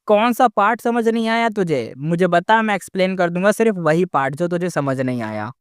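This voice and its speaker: Guy playing a cranky impatient dude, snappy and exasperated, clear voice, dry close sound. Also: high-pitched, expressive, fairly quick, dry recording. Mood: irritated. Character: irritable, impatient man losing his temper.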